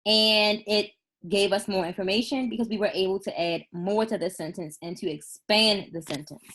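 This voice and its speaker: Woman, first grade teacher, patient, encouraging, drags out example sentences slowly, computer mic. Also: mid-range voice, fairly bright tone. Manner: slow, deliberate dictation of sample sentences. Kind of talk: recorded remote lesson.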